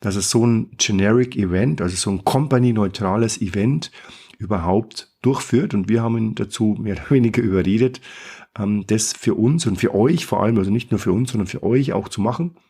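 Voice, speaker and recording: Gravelly-voiced man hosting a podcast. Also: fairly low pitch, fairly quick, warm tone. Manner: enthusiastic, rambling with restarts. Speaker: podcast host. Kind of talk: casual podcast monologue.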